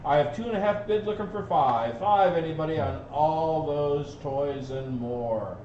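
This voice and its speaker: A man calls a live auction in a fairly high voice, repeating bids and bantering in a folksy way. He sounds set back from the microphone in an echoey room, and the sound is a little dull. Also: unhurried. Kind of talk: live auction calling, repeated bid chant. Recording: roomy, distant, dull sound with faint noise.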